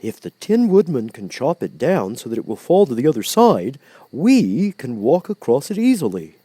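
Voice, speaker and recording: A man voicing an eager, practical living scarecrow in a storybook, with a brisk, confident manner. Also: medium pitch, sing-song, mellow, husky, no room sound, voice pushed up. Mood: confident, planning.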